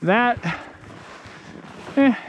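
A man in his thirties giving wry, relaxed running commentary while skiing and riding a chairlift outdoors. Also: very slow, highs cut off. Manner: wry, relaxed, thinking aloud. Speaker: ski vlogger. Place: outdoors on ski slopes and chairlift. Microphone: helmet or action camera mic, selfie framing on lift. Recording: loud wind and ski noise.

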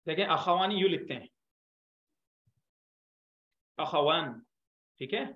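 High-voiced male teacher, roomy lo-fi sound. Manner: patient, corrects pronunciation slowly and repeats words. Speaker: Arabic teacher. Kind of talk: teaching a class, correcting students.

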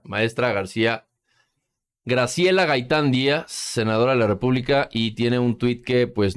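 A man's voice: mid-range voice, fairly bright tone, smooth. A man with a Mexican Spanish accent hosting sarcastic political commentary, crude and mocking, full of slang and swearing. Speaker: host.

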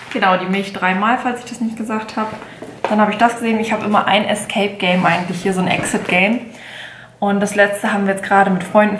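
A woman's voice: medium pitch, echoey room, a little hiss or hum. Chatty woman in her late twenties. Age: 20s. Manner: chatty, rambling, many fillers and self-corrections. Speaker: beauty vlogger. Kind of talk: casual haul vlog. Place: bedroom at home, indoors.

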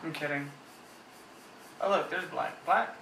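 A man's voice: fairly high pitch, a little slow. A young man banters casually, joking and teasing between takes of a home video. His voice is picked up from across an echoey room, with noticeable noise behind it. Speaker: vlogger rehearsing an announcement video. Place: seated at a table in a home room. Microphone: camera a few metres away. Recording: roomy, distant camera mic, noisy background.

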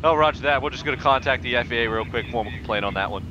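Fast-talking man doing mock pilot chatter. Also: medium pitch, muffled recording. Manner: fast, joking, fake pilot lingo. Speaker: multiplayer flight sim player. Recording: noisy voice chat over game sounds.

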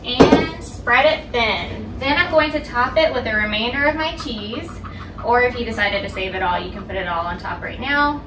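A young woman giving a step-by-step cooking demonstration in her home kitchen, explaining each step clearly to the viewer. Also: a little high, normal speed, recorded from a distance. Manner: clear, instructive, addresses viewer directly. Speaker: cooking instructor. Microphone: camera across the kitchen. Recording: echoey kitchen, voice from off-mic, household noise.

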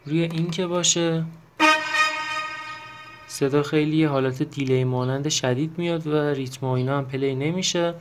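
Man explaining a keyboard, slightly high voice. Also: steady tone, over music. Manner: explains while pressing buttons, with many fillers and self-corrections. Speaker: keyboard teacher. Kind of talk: casual step-by-step tutorial.

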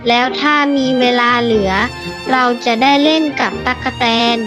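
Against background music, a woman uses a high voice at normal speed to play a curious, kind young child adventurer in a storybook tale. Lightly acted, her thoughtful, gentle delivery speaks with wonder to young listeners as she hosts and performs the children's story.

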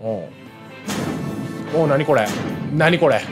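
A man with a Kansai accent chats and mutters to himself while he plays a game. His voice sits a little high. He keeps his talk casual and loose. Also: animated, slow pace, over music. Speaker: game streamer. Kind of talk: casual let's-play commentary.

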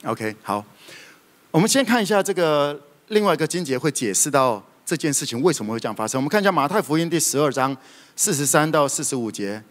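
A man preaching a sermon, telling stories in a lively way with sudden loud outbursts. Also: fairly high pitch, fast. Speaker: pastor. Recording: reverberant hall.

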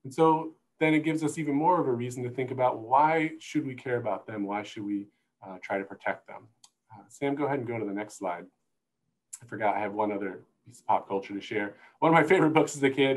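A guest speaker from the United States, a middle-aged zoo conservation manager with an American accent, walks through slides informally on a video call. Speaking from an indoor room via an earphone headset, he is brisk and medium-pitched, and the audio quality is poor.

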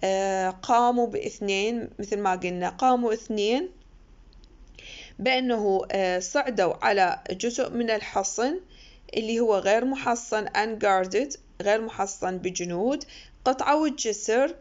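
A woman lecturer, explaining an English text line by line in with many pauses and fillers. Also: mid-range voice. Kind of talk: recorded university lecture. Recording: muffled lo-fi recording.

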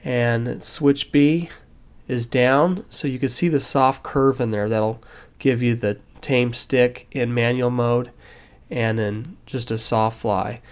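A sick man casually walking through the settings on a radio transmitter at a cluttered workbench, relaxed and step by step. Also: medium pitch, takes it slowly, clean tone. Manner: relaxed, with fillers and step-by-step instructions. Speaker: hobbyist demonstrating a radio transmitter. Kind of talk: casual tutorial walkthrough.

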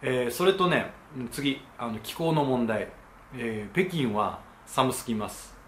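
Here the channel host's medium-pitched voice is fairly bright, with lively intonation and a measured pace. He's explaining things to camera in a casual, polite manner, hesitating often with fillers. The recording has an echoey room sound, faint ambience and slight background noise.

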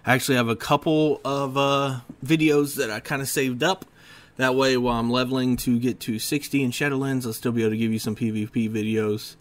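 Tired guy at his desk, mid-pitched, casual rambling gameplay voiceover, self-mocking, lots of filler. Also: fairly even intonation, a little fast. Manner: rambling, self-deprecating, with many ums. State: tired, yawning. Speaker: gaming YouTuber. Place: at a desk at home.

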